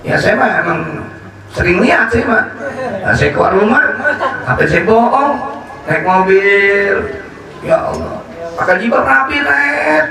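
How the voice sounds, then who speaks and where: A man's voice: high voice, measured pace, long pauses. A man preacher giving a sermon, telling stories with humorous asides. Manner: animated storytelling with humorous asides. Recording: echoey hall from far off with crowd.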